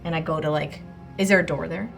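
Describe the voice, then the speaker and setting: A woman's voice: low-pitched, fairly even intonation, quick pace, vocal fry, faint music behind. A woman playing a tabletop role-playing game, improvising in character in a hesitant, polite way.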